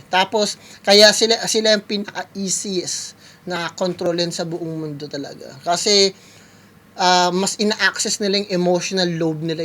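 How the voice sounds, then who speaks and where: A man with a bright, forward tone chats loosely with his audience as he reacts to a clip. He rambles, repeats himself, and keeps calling his viewers guys. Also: high-pitched. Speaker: music producer reacting to a video. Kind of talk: casual reaction commentary. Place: California.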